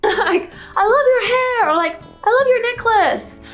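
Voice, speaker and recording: A young woman from Poland, raised in England, telling travel stories in an animated vlog from her living room. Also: very high-pitched, unhurried, faint music behind. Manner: bubbly, animated storytelling. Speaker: travel YouTuber.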